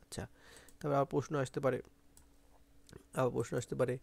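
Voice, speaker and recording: A man's voice: mid-range voice, level tone, quick pace, vocal fry, a little mellow, dry recording. A man with a Bangladeshi Bengali accent teaching an exam-prep grammar lesson, repeating points and asking pupils to say sounds aloud.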